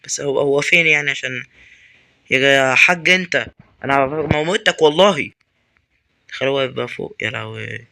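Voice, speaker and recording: Excitable young Egyptian gamer man. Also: medium pitch, a little fast, vocal fry, pauses often. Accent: Egyptian Arabic. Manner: excitable, talks to game characters and swears at them. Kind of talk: horror game commentary.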